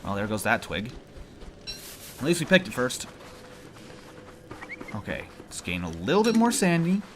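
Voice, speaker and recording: Lively, nasal, congested man commentating a game. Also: medium pitch, moderate pace, a little hiss or hum. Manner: thinks aloud, grumbles at setbacks. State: congested from allergies. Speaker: gamer commentating on own play. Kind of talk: casual gameplay commentary. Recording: music behind the voice. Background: game music.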